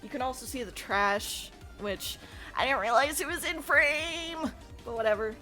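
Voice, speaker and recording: A woman livestreamer chatting casually with her viewers in a playful, excitable gamer-girl manner. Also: high-pitched, moderate pace, soft background music. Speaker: livestreamer, host.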